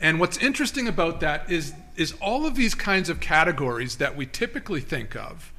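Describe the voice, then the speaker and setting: Speaking briskly with big pitch swings and a sharp tone, a man with a slightly high voice preaches as a guest in a church sanctuary. He keeps the sermon interactive and casual, with many restarts and jokes at his own expense.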